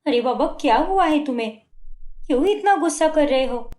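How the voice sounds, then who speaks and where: A woman's voice: sits high, lively intonation, moderate pace, a little mellow, reverberant. A woman voicing a patient, hardworking young wife in a cartoon story, pleading and defending herself.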